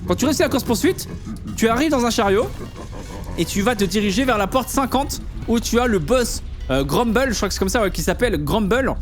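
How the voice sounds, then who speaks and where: A man's voice: sits high, animated, fairly quick, music in the background. A man giving casual commentary on a game, explaining things to the viewer in informal, slangy language. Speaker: gaming video host.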